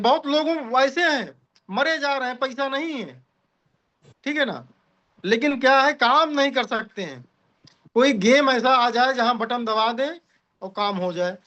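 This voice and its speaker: High-pitched, bright-voiced man pitching persuasively. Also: dull audio. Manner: persuasive, repeats "ठीक है ना", addresses listeners as साथियों. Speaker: speaker at an online meeting. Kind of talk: motivational crypto pitch. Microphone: video call.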